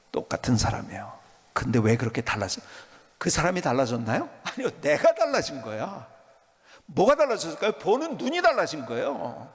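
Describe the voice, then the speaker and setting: A male pastor preaching a sermon, emphatic and animated, at times dropping to a soft whisper. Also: on the high side, creaky, husky, big-room sound.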